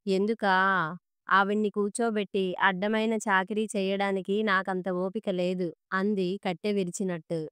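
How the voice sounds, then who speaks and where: A sharp-tongued middle-aged wife needles and scolds with sarcasm in a spoken storybook, voiced by a woman reading the tale. Her voice is very clear and smooth. The sound is dry and close. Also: mid-range voice, little pitch movement, moderate pace, no room sound, natural voice. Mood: scolding. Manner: sarcastic and cutting.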